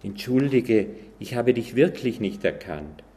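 A man voicing a sly, quick-thinking male mole in a read-aloud animal story, speaking in a pleading, cunning way. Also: medium pitch, animated, mellow, voice pushed up, close to an everyday voice. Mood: protesting. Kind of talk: storybook reading.

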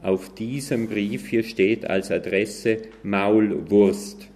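A fussy, distrustful snail postman from a children's storybook, voiced by a man reading aloud. It drags out every word very slowly in a deep voice. It sounds pedantic and suspicious. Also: steady tone, a little mellow.

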